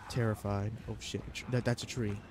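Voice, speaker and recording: A man's voice: on the low side, level tone, a little fast, noisy background. A young man with a stuffy, congested voice giving casual gameplay commentary, boasting jokingly about his skill and swearing when things go wrong. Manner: self-mocking, joking boasts, swearing in panic. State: congested from a cold. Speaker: gaming video creator. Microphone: desk mic. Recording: game music playing behind voice. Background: game music.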